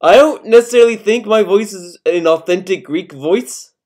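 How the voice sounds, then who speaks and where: A man from Connecticut with an American accent rants casually in a YouTube vlog, rambling, profane and defensive. His voice sits high and a little mellow, at a moderate pace.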